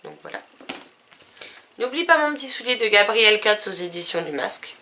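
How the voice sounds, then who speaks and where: A woman's voice: a little high, pushed and bright. A woman vlogger casually listing books and publishers, with fillers and self-corrections. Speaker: book vlogger. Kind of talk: casual book haul vlog.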